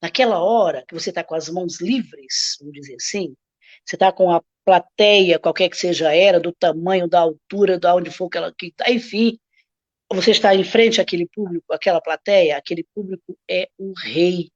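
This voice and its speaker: A woman teaching storytelling in a live stream, talking in an expressive, playful way and shifting her pace often. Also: lowish voice, normal speed, highs cut off. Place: home room with books.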